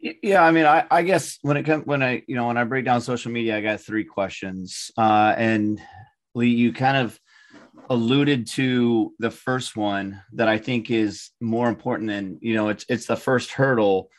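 Halting male co-host, mid-pitched voice. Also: steady tone. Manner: halting, rambling build-up to questions. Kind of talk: casual interview chat.

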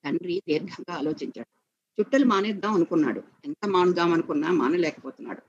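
Husky man narrating a story. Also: a little high, no echo. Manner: slow and measured, with emotional emphasis. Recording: muffled lo-fi recording.

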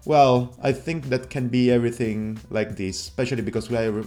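A podcast host speaks English as a second language, his voice fairly low and slightly mellow. Opening a casual show and interviewing a guest, he rambles enthusiastically in an informal way.

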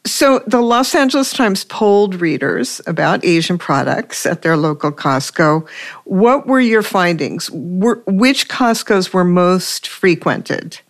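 A woman's voice: fairly low pitch, animated, takes it slowly. A woman hosting an interview, asking curious, friendly questions and laughing easily. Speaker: radio host.

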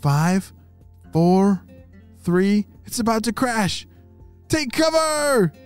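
An eager young boy spy, pitched high and bursting with excitement, as a man puts him on. The voice leaps up and down wildly. Faint music plays underneath. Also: measured pace, vocal fry, husky, heavily acted. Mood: excited. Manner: eager, breathless exclamations.

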